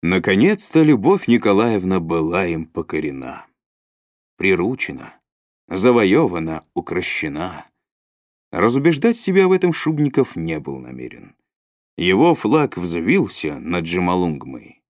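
Expressive male audiobook narrator. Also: a little slow, dry recording, studio quality. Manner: expressive, with sudden rises and drops in pitch. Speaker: audiobook reader.

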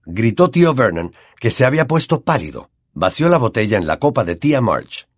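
Brisk and expressive, this male audiobook narrator carries a Latin American Spanish accent and keeps his pitch lively throughout the scripted narration. It's a close, dry recording with no room sound.

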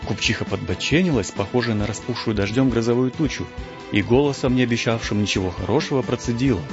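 A man narrating an audiobook in the first person, telling the story in a lively, theatrical way. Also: medium pitch, quick pace. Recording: dull lo-fi audio with strong background music.

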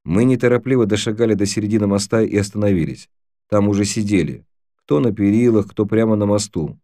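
A man narrating an audiobook in a measured, even storytelling manner. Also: on the low side, no room sound, studio quality.

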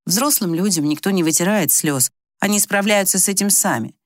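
A woman narrating an audiobook in calm, even storytelling. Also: medium pitch, fairly quick, no room sound, studio quality.

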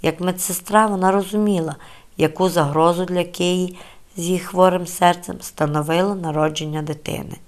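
A woman reads a novel aloud as an audiobook narrator. Her voice sits a bit low, and she tells the story in a calm, measured, steady way. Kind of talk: scripted literary narration.

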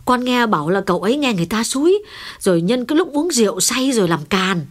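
A man voicing a gossipy, anxious middle-aged housemaid in a high falsetto for an audiobook. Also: big pitch swings, quick pace, heavily acted. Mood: gossiping. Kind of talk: audiobook character voice.

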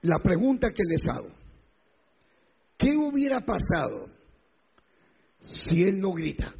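A man's voice: high-pitched, huge pitch swings, slow, creaky, a little hiss or hum. A male pastor preaching a sermon emphatically, with rhetorical questions and repetition. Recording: echoey hall, dull lo-fi sound.

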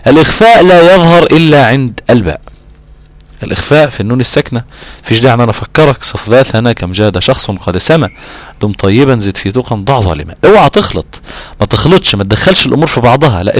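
A man with an Egyptian accent teaching a recitation lesson, repeating key terms and slowing down to draw out his recited examples. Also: medium pitch, dry recording. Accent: Egyptian Arabic. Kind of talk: explanatory lesson.

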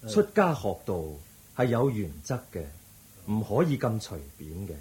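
A serene Buddha in a radio drama, with a low, very mellow voice and Hong Kong Cantonese accent. He teaches with measured compassion and gentle firmness, letting his intonation rise and fall expressively. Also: very animated. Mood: calm, inquiring. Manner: measured, instructive, gently firm. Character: the Buddha, calm compassionate authoritative male teacher.

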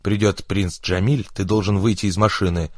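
A man's voice: deep voice, steady tone, moderate pace, dry recording, clean studio sound. A man doing a cold, hissing gang enforcer. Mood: menacing. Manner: hissing, curt, commanding. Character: menacing male gang enforcer, cold and threatening.

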